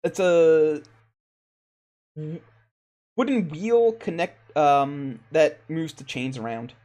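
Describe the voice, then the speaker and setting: A game master running a tabletop game, reading out room descriptions with many pauses and fillers. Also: mid-range voice, dark tone. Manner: hesitant, lots of ums and uhs.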